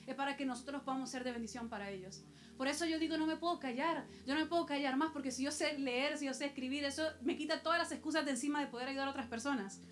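A woman's voice: high voice, a little hiss or hum. A woman pastor from El Salvador, preaching a sermon with personal stories and rhetorical questions to the congregation.

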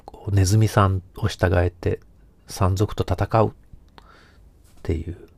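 A man's voice: low voice, little pitch movement, takes it slowly, gravelly, a little mellow, no room sound. A man hosting a casual solo podcast who talks in a meandering way, hesitating often and correcting himself. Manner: meandering, self-correcting talk with many hesitations. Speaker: podcast host.

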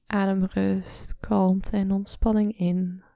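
A woman guiding a relaxation meditation, speaking slowly and softly, often in a whisper, close to the mic. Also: medium pitch, level tone, vocal fry, no echo. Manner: slow soft-spoken, often whispering. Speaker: meditation guide.

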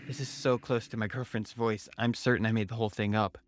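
A man's voice: lowish voice, fairly even intonation, brisk, no echo. Dry, close-sounding man narrating horror. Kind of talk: scripted first-person horror narration.

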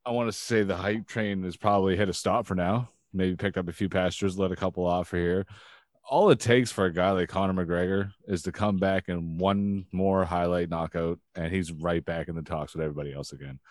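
A male co-host in casual sports chat with a very low voice. He talks fast and with energy. The sound is close and dry. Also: no echo. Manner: animated, says "you know what I'm saying" often. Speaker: podcast co-host.

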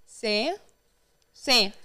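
A woman, playing a party game. She repeats single syllables slowly and with emphasis. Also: on the high side, animated, pushed and bright. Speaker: game player mouthing a phrase. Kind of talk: casual party game chat.

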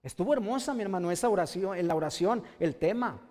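High-voiced pastor preaching in reverberant hall. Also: male voice, lively intonation. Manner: halting with frequent restarts, rising to loud impassioned preaching. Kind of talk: sermon.

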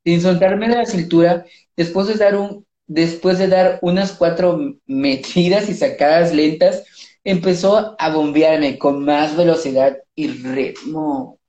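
A podcast co-host with a Mexican accent, reading an erotic story aloud in a drawn-out casual way, laughing and hesitating. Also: mid-range voice, steady tone, dark tone. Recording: dull, roomy lo-fi recording.

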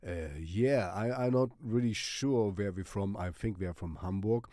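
This music channel host is a German-accented man with a cold, loosely recommending music while swearing offhandedly, laughing a lot and leaning on filler words. He speaks at a moderate pace in a lowish, mellow voice. The sound is dry and studio quality.

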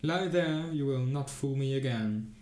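A man's voice: medium pitch, unhurried, a little mellow, close to an everyday voice. A man reading aloud and voicing a greedy, violent peasant in a fairy tale, with blunt, menacing speech, in a roomy-sounding space.

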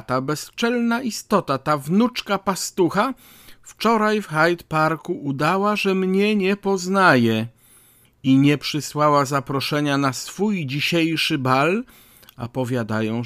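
A man's voice: medium pitch, fairly even intonation, moderate pace, hardly any pauses, no echo, clean studio sound, close to an everyday voice. A man reading a storybook, voicing a snobbish, disdainful old aristocratic lady telling her grievances. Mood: indignant. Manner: disdainful, indignant.

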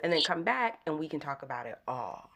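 A young adult woman hosting a casual chat, animated and laughing, acting out quotes. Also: sits low, fairly quick, a loud crowd. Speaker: podcast host.

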